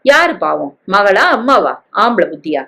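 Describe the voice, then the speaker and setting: A woman's voice: medium pitch, big pitch swings, normal speed, vocal fry, bright, forceful tone, heavily acted. A woman voicing a harsh, scornful middle-aged mother who scolds with contempt.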